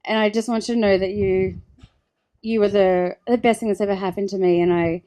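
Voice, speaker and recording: A woman in her thirties giving a heartfelt, tearful wedding speech, halting and restarting as she speaks. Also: medium pitch, steady tone, dark tone. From Australia. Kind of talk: emotional wedding thank-you speech.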